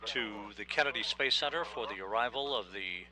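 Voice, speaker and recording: An American man giving formal, measured live commentary on a spacewalk as a mission control announcer. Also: lowish voice, a crowd in the background. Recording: bright feed with faint hum.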